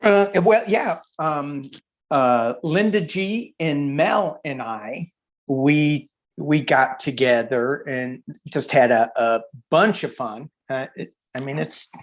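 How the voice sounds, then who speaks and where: Woman, guest, casual chat, very low voice, unhurried delivery. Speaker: guest tarot reader.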